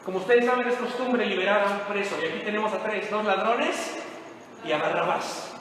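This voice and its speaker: A man's voice: sits high, brisk, a bit bright, slight background noise. A man preaching a sermon to a congregation, retelling a story dramatically and putting questions to his listeners. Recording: very echoey hall with long reverb.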